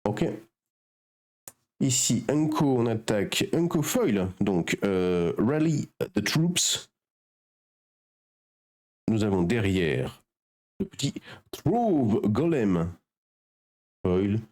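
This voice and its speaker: A man's voice: on the low side, sing-song, very slow, pauses often, a little mellow. A man hosting a pack-opening show, chatting casually with many fillers as he shows each card. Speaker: host.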